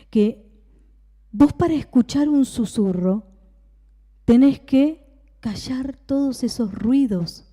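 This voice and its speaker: Woman pastor, Rioplatense accent, dark mellow tone, emphatic repeated phrases and hushed asides, preaching in a church with long hall reverb. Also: on the high side. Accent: Rioplatense Spanish. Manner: preaching with emphatic repetition, dropping to a whisper at times. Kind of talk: sermon.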